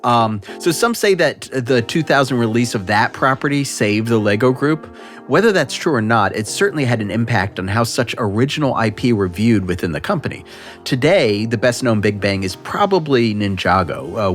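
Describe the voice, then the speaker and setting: A man co-hosting a podcast, playing up his lines with jokey, theatrical timing. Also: lowish voice. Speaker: podcast co-host. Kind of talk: scripted podcast banter.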